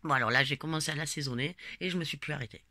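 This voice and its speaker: A woman telling her listeners about a protest in a loose, rambling, animated way, swearing often and speaking to them directly. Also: low voice, very fast, dry recording, clean studio sound. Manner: animated, emphatic storytelling with frequent swearing. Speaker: gilet jaune protester recounting a march. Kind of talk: casual spoken personal account.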